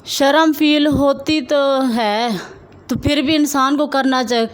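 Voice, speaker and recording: A woman's voice: sits high, steady tone. A woman dancer answering an interviewer's questions, defensive and irritated when pressed. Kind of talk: street interview.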